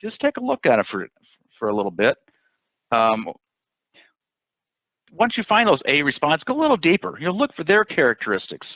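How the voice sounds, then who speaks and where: A man's voice: fairly high pitch, wildly swooping pitch, fairly quick, long pauses, no echo. A man giving a casual sales training webinar, talking loosely with many fillers and restarts. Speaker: webinar presenter. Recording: dry, phone-like audio.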